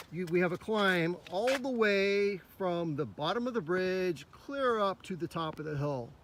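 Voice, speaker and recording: A man's voice: sits high, a bit bright. A man coaching as he walks a cross country course outdoors, explaining the route. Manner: instructive, upbeat. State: slightly out of breath. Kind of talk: walking course tour commentary. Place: outdoor park trail. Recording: faint outdoor noise.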